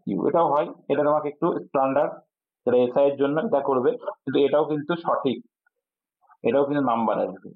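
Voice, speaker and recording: A man teaching an exam-prep English grammar lesson. He explains step by step and asks his students questions, then answers them himself. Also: mid-range voice. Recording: tinny phone-like audio.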